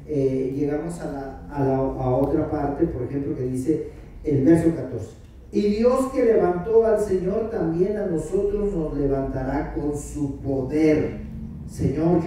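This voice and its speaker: Man, pastor preaching and praying aloud, very echoey sanctuary, faint background hiss. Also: a little high. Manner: praying aloud fervently, then teaching in a softer, conversational tone. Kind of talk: sermon with spoken prayer. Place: church sanctuary. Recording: very echoey church hall, mic far off.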